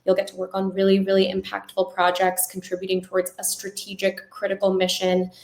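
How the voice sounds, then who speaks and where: A woman giving an upbeat, salesy recruiting pitch with slides, speaking conversationally and often checking in with listeners. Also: completely flat delivery, brisk, vocal fry, darkish tone. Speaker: company recruiter. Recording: echoey room sound.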